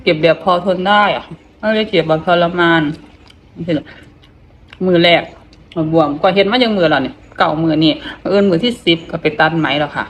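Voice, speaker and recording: A woman's voice: sits low, slight background noise. Isan woman chatting with her mouth full. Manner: talks with mouth full while eating; halting, repeats phrases, murmured "mm" between phrases. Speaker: vlogger. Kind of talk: casual chat while eating on camera.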